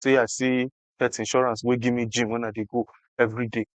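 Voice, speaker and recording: A Nigerian man with a medium-pitched voice speaks quickly and flatly, recorded without room sound. As an interview guest explaining health insurance, he talks conversationally in Nigerian Pidgin, emphatic and repeating phrases for effect.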